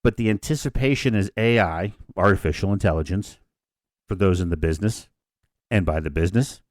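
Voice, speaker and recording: Low-voiced chatty man, dry sound. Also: fairly quick, no room sound. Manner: rambling, restarts, asides. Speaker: podcast co-host. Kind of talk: casual discussion.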